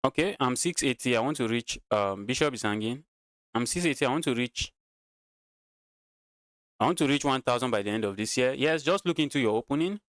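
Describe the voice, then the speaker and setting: A mid-pitched Nigerian man, a chess streamer, talks expressively and a little fast, his voice a bit bright, as he casually comments on his game, thinking aloud, repeating phrases and engaging viewers. The recording is dry without room echo.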